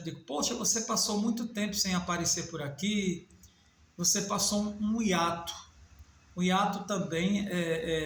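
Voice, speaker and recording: High-voiced Northeastern Brazilian male teacher. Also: fairly bright tone, echoey room, slight background noise. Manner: explanatory, spells out letters slowly with small self-corrections. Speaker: Portuguese teacher. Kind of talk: video lesson.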